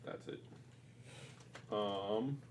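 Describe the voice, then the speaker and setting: A young man narrating a tabletop game as game master, halting with many fillers. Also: lowish voice, noisy background.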